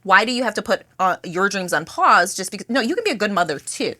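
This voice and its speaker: A middle-aged woman speaks as a podcast guest with a bright, forward voice. She talks in an animated, conversational way, often ending her points with "right?". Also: mid-range voice, fast. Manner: animated, tags statements with "right?". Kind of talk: conversational interview.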